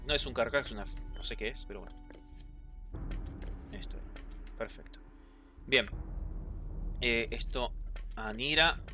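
A man with a Rioplatense Spanish accent giving chatty, excitable gameplay commentary, reading game lines aloud and answering chat. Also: mid-range voice, a little slow, long pauses, faint music behind. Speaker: gameplay streamer.

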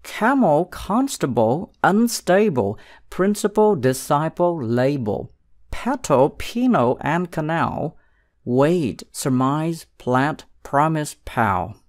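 A reader reciting a poem slowly, pausing on each word in a deliberate delivery. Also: medium pitch, big pitch swings. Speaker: poetry reader.

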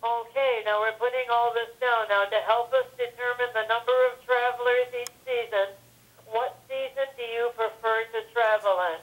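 Rushed scripted telemarketer woman on the phone. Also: fairly high pitch, little pitch movement, a bit bright. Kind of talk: scripted sales call. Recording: thin telephone line.

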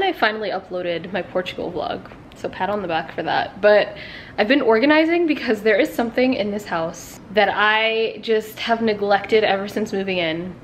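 A woman's voice: medium pitch, slight background noise. Chatty young woman vlogging to camera. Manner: chatty, upbeat, says "like" a lot. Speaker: lifestyle vlogger. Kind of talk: casual vlog chat to camera. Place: home and a large warehouse showroom, indoors. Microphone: handheld camera at arm's length.

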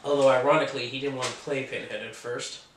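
Casual male film reviewer, opinionated and joking, middle pitch, roomy distant sound. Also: steady tone, fast, background noise. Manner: chatty and opinionated, with offhand jokes.

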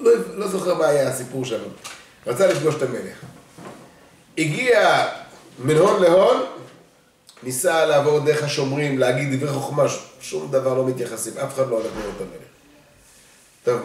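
A man's voice: mid-range voice, a little hiss or hum. A male rabbi giving a sermon, telling stories with animation and acting out the voices. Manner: animated storyteller, acts out voices. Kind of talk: storytelling sermon. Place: synagogue study hall. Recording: echoey hall, far from mic.

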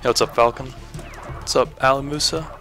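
A man's voice: medium pitch, steady tone, normal speed, over music. A man giving live commentary on his own speedrun, swearing and muttering to himself as he plays. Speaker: speedrunner streaming a run.

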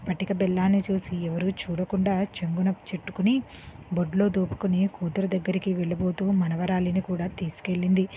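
Woman narrating a story over a tinny line. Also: fairly low pitch. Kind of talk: scripted narration. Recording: tinny phone-like sound, faint hiss.

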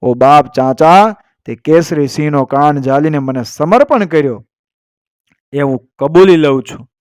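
Slow, measured male storyteller. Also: a little high, clean tone, no echo, studio quality. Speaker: storyteller and channel host. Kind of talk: folk tale narration.

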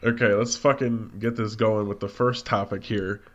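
Low-voiced young man with a stuffy nose, lo-fi mic. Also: flat delivery, normal speed. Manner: blunt, swears a lot, laughs easily. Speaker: podcast co-host. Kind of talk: casual chat. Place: room with a high ceiling. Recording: dull lo-fi mic in a reverberant room.

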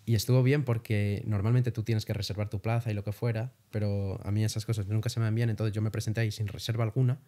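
A man's voice: fairly low pitch, quick pace, few pauses. A young man from Spain, telling his travel experiences as a guest in a casual interview, swearing lightly as he goes. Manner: animated storytelling with casual swearing.

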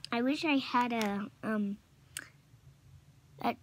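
A young woman chatting casually while playing a video game, excitable and chatty, shouting at opponents now and then. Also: on the high side, takes it slowly, a little hiss or hum. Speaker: gamer. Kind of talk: casual gameplay commentary.

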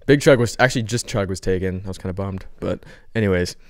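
A man's voice: sits low, quick pace, dry recording, studio quality. A young man from the Seattle area, telling a story in a laid-back, casual podcast chat. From Seattle area, USA. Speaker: podcast co-host.

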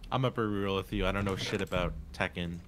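A man's voice: low-pitched, fast, noisy background. A young man in casual, laid-back chat with friends while playing a game. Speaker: gaming group member.

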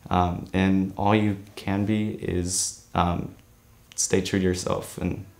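A seventeen-year-old young man born in Korea, answering interview questions earnestly with frequent "um" pauses, in a studio. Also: deep voice, flat delivery, darkish tone. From born in Korea, raised in New Jersey. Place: studio against grey backdrop.

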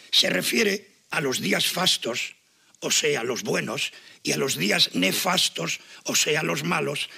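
A gravelly sarcastic old husband. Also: male voice, a little high, pushed and bright, exaggerated voice. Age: older. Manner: sarcastic, talks to camera. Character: grumbling older husband, sarcastic and fussy. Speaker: sitcom husband. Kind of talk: sitcom acting.

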